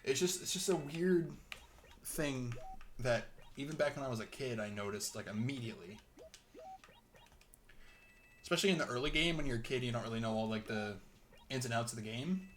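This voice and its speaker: A man's voice: medium pitch, normal speed, long pauses, a little hiss or hum. A young man giving rambling, chatty let's-play commentary while he plays, chuckling often. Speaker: gameplay commentator.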